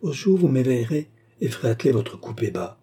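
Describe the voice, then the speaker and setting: A man's voice: medium pitch, sing-song, brisk, dark tone, husky. A man reading a storybook and voicing a composed, secretive young courtesan woman with a firm manner. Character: cool-headed resolute young courtesan woman.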